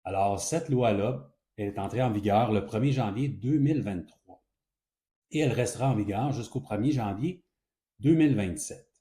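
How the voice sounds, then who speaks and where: A man with a Quebec French accent calmly explaining rules step by step, as an advisor talking to viewers. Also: lowish voice, normal speed. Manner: calm, methodical explaining. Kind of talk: explanatory talk to camera.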